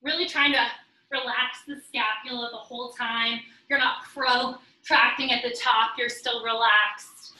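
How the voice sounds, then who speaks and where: Bright high-voiced woman leading a workout. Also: a little slow. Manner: steady counting cues, instructive while exercising. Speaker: fitness instructor. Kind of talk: guided workout class. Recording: roomy sound, distant from the mic.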